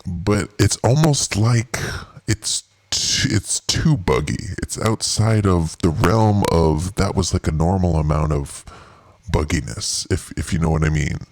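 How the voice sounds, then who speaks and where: A man with a very deep, low-pitched voice musing aloud as host of his own livestream, wry and rambling, often circling back on his words. The recording is dry and close, with no room sound. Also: a little slow, no room sound. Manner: rambling, full of restarts and fillers. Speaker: show host. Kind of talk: casual livestream monologue.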